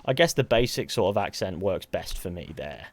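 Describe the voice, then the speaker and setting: Speaking low with lively intonation at a moderate pace, a weary man from the UK rambles and cracks jokes as he responds to chat during a live game stream. His accent mixes Mancunian and Southern English, and his manner is casual.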